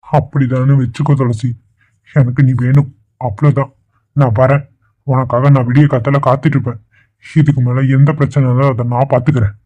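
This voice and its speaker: Man doing a lovesick cartoon guy, keeps pleading, flat voice, tinny phone-like sound. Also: medium pitch, brisk, lightly acted. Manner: pleading, insistent. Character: desperate lovesick young village man. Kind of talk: dubbed cartoon dialogue.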